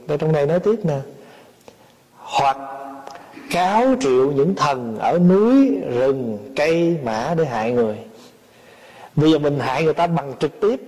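A man's voice: a little high, dark tone, breathy edge. A man giving a Buddhist dharma talk, patiently explaining a sutra with everyday examples and questions. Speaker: Buddhist teacher. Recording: long hall reverb.

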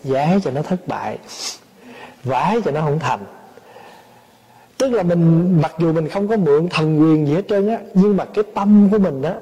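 A man's voice: a little high, normal speed, pauses often, mellow, breathy edge, muffled recording. A man giving a Buddhist dharma talk, patiently explaining a sutra with everyday examples and questions. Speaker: Buddhist teacher. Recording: long hall reverb.

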